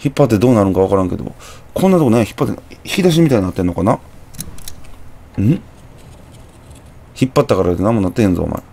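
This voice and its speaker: With a Kansai accent, a young man narrates his horror game let's play, muttering under his breath and blurting out startled cries. His warm, creaky voice sits on the low side, racing along with lively intonation broken by long pauses.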